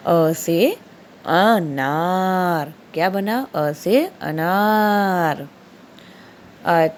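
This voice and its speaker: A woman with a fairly low-pitched voice teaches small children Hindi in a recording with slight background noise. Working as a primary school teacher, she draws out every syllable and repeats each word twice for the kids to imitate, frequently speaking to them and putting questions to them.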